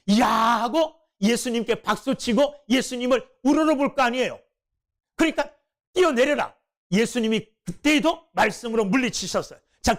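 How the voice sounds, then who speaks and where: High-voiced man preaching a sermon. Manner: animated storytelling, acting out quoted lines; asks the congregation questions. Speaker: pastor.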